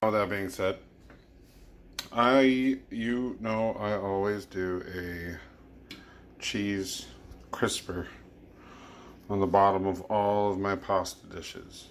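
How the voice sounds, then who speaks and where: A man's voice: fairly low pitch, fairly even intonation, slow, pauses often, a little hiss or hum. A tipsy man hosting a casual home cooking video, loose and chuckling as he talks viewers through the dish. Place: home kitchen.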